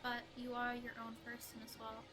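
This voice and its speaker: An inquisitive woman in character in a role-play, pressing her questions in a formal, persistent manner. Her voice is fairly high and level, with music clearly playing behind. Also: completely flat delivery, moderate pace.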